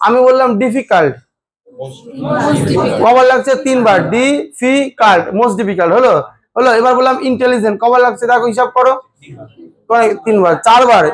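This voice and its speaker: High-voiced man teaching a grammar class. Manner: asks the class questions and answers them himself; calls the students "babu" and stretches words out slowly to spell or count syllables. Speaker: English teacher.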